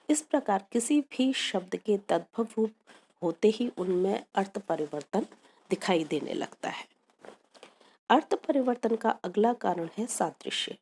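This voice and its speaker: Woman giving a measured academic lecture. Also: mid-range voice, dark tone. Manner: measured, reads from prepared text with examples. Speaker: university Hindi lecturer.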